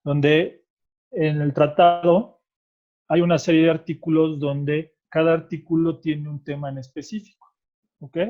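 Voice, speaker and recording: Speaking a little slowly in a level tone, a man with a somewhat high voice and a Mexican Spanish accent explains tax rules as a guest expert. He's patient and explanatory, frequently checking understanding with "¿ok?" after points, and the recording has its highs cut off.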